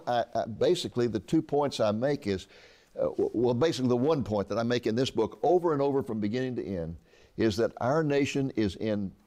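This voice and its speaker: Being interviewed about his book, this man in his eighties has a fairly low, dark voice. He speaks earnestly in a conversational style and often starts his words over.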